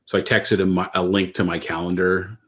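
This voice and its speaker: Deep-voiced man telling a story. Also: a little fast. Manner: storytelling, animated retelling of conversations. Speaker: podcast co-host. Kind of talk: casual chat.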